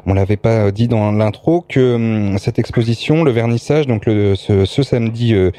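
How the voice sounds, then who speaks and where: A man's voice: fairly low pitch, normal speed, warm tone, no room sound. A man hosting a radio interview in a casual way, hesitant with many fillers and restarts. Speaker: radio host.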